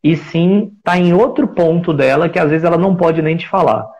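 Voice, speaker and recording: Man, Brazilian Portuguese accent, somewhat high voice, reflective explanatory talk, rhetorical questions. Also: normal speed, darkish tone, muffled recording. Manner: reflective, searching for words, with frequent restarts; builds points with rhetorical questions. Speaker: speaker on workplace listening. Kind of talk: explanatory talk in a live stream.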